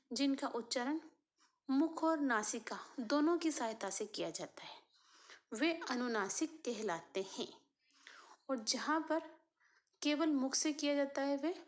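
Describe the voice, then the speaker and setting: A woman teacher giving a lecture, slow and repetitive, posing questions and answering them herself. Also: high-pitched. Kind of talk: Hindi grammar lecture.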